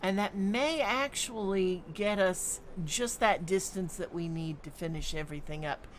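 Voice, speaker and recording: Slow-talking woman game streamer. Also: medium pitch, slight background noise. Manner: thinks aloud, with many hums and ums. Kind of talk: live gameplay commentary.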